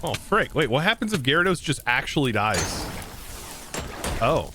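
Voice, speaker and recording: This American streamer in his thirties chats casually with viewers as he plays, rambling, cracking jokes and addressing chat between actions. He talks at a normal speed in a medium-pitched, sing-song voice, with music playing underneath.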